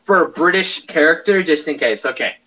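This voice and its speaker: Excitable American man on voice chat. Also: fairly high pitch, brisk, poor audio. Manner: excitable, swears freely. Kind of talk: casual voice chat.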